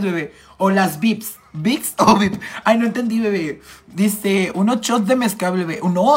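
A man with a Mexican accent chatting casually on a makeup livestream, clearing his throat as a cold starts, affectionate and full of slang with his viewers. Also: high-pitched, slight background noise. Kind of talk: casual live-stream chat reading comments.

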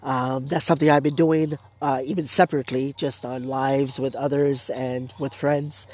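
With intro music in the background, this Canadian man rambles through casual solo podcast talk in his backyard, full of fillers and restarts. His voice is medium-pitched and darkish, moving little in pitch at a normal speed, and a sore throat is making him lose it.

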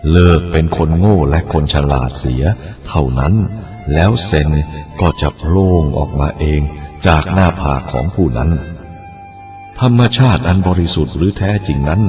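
A male Buddhist monk reading a written teaching aloud in a measured, deliberate way. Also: extremely low pitch, a little mellow. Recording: dull lo-fi recording with faint music.

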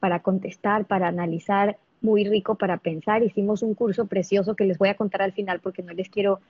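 A woman's voice: medium pitch, steady tone, brisk, slightly rough, no room sound, muffled recording. A woman hosting an interview, summing up her guest's points and putting thoughtful questions to him. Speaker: host.

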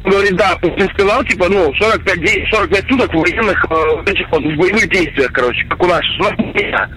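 Young male soldier, rapid and rambling, slightly raised pitch, blunt informal phone chat. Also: bright, forceful tone, slight background noise, poor audio. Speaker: soldier calling home. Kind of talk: casual private phone conversation.

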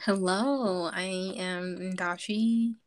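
A young woman from Zambia joins a podcast as a guest and chats casually. She tells her stories with plenty of likes and ums, in a mid-range voice. She sounds relaxed and talkative. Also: mid-range voice, very slow. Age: young adult. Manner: chatty storyteller, many likes and ums.

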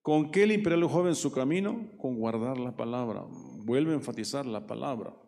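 A man with a gravelly, creaky voice preaches a Bible study sermon. He reads verses aloud and explains them, often checking in with his listeners and correcting himself as he goes. His voice rings out with a long reverb, as if in a large hall. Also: medium pitch, expressive, normal speed, mellow. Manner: frequent tag questions and self-corrections, leans into quoted verses.

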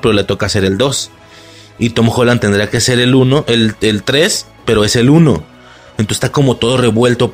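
A man with a Mexican accent recapping a film in an excited, casual way, swearing freely and laughing often. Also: medium pitch. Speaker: movie reaction vlogger.

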